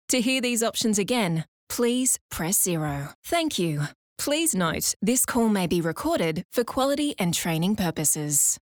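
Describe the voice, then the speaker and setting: A woman reading a recorded phone menu message, with slow, measured prompts. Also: medium pitch, no echo, clean studio sound. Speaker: phone system announcer.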